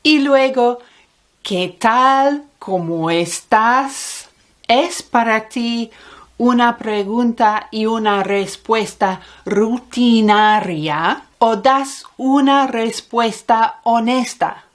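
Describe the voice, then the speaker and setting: Slow, playful woman teaching Spanish. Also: fairly high pitch. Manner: slow, deliberate delivery with playful asides. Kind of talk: language lesson, switching between Spanish and English.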